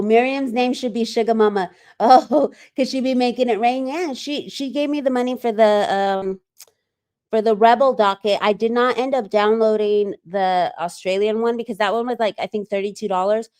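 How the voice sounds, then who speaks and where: A woman hosting a relaxed livestream, her voice smooth and clear. She talks loosely and stops often to read viewer comments aloud, filling pauses with ums and uhs. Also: medium pitch. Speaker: livestream host. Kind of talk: casual livestream chat.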